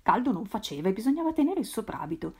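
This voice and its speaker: Husky woman reading a novel aloud. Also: mid-range voice, very animated, quick pace, a little mellow. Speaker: reader. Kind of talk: literary read-aloud.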